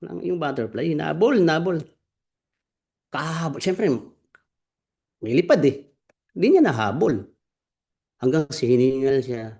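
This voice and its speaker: Animated man leading an online training. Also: on the high side, a little slow, creaky, long pauses, breathy edge. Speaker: online business mentor. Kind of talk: live online training session.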